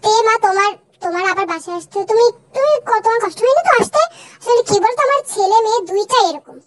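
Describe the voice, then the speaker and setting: Young woman doing a fretful rambling mom, still pretty high voice, slight hiss. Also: quick pace. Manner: rambling, fussing. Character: fretful, fond middle-aged mother. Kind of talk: fan dub voice acting.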